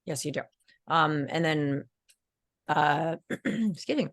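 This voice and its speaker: A woman's voice: deep voice, slow, no echo, clean studio sound. A woman co-hosting a casual chat while getting over a cold, talking loosely with lots of fillers and restarts and the odd giggle. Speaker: co-host.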